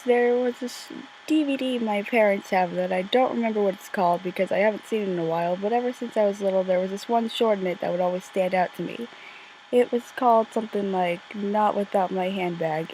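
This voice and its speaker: A woman talks to her viewers in a flat, bored-sounding deadpan, tripping over her words now and then. She is recording under a blanket in a bedroom corner, so her voice comes through muffled and close. Her pitch sits in a middle range, with a faint hiss behind her. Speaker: YouTuber. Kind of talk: casual vlog chat. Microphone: home recording.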